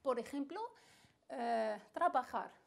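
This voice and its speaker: A woman with a notably high voice teaches a televised grammar lesson. She works through verb conjugations one person at a time, slowly and deliberately, pausing on fillers as she goes. Her delivery is patient and methodical, with little flourish. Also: animated, vocal fry. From Morocco. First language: Arabic. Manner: slow, deliberate conjugation drills with frequent hesitations. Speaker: Spanish teacher.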